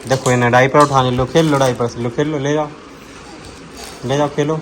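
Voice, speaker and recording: A man's voice: mid-range voice, steady tone, a little fast, background noise. A young man with a Bundeli accent, vlogging casually at home and teasing the children playfully. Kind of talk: casual family vlog narration.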